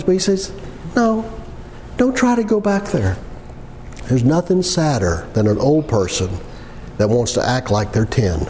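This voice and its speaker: In a long, reverberant hall with some background noise, a man in his sixties preaches a sermon. His voice sits high and sounds warm, and his folksy, conversational delivery leans on repetition and rhetorical questions to make its points.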